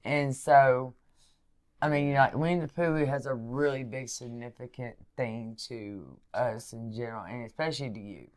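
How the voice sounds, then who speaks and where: A man with an ordinary mid-range voice hosts a casual podcast interview. He fills the gaps with short agreements and gentle, filler-heavy recaps that keep the guest talking. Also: mid-range voice, normal speed. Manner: sympathetic, prompting with short backchannels. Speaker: podcast host.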